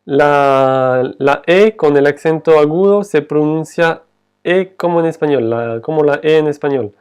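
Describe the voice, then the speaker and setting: Slow, clear-voiced man teaching French. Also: a little high, a little mellow. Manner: repeats words slowly and carefully. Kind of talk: slow, patient language lesson.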